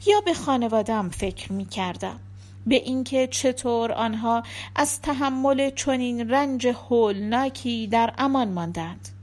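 A woman with a slightly high voice reads an audiobook aloud in the first person. Her delivery is measured and calm, the way a practiced narrator handles a long novel.

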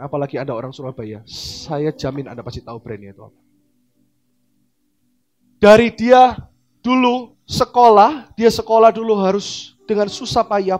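A middle-aged man, a pastor preaching a sermon and acting out quoted dialogue in lively swings of voice. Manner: animated, acts out quoted dialogue with big pitch swings.

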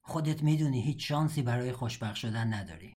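A husky, grainy-voiced middle-aged prisoner, read by a man in an audiobook, talking in a blunt, mocking, matter-of-fact way. He sounds cynical and scarred, and lays out grim advice flatly, without softening it. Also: mid-range voice, close to an everyday voice. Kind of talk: audiobook dialogue reading.

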